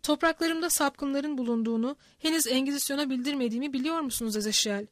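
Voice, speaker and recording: A woman's voice: high-pitched, fast talker, no room sound, close to an everyday voice. Woman reading as a scheming, menacing nobleman.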